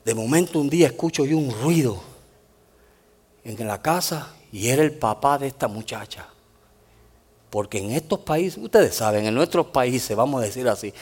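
A male pastor preaching a sermon, telling stories in an animated way and often saying amen. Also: mid-range voice. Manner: animated storytelling, punctuated with amens. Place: church in the United States.

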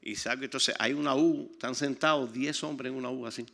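A man's voice: medium pitch, a little fast, creaky. An older man from Cuba with a Cuban accent, preaching a testimony and telling stories animatedly, acting out the people in them. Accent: Cuban Spanish. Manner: animated storytelling, acts out quoted people. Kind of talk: sermon testimony.

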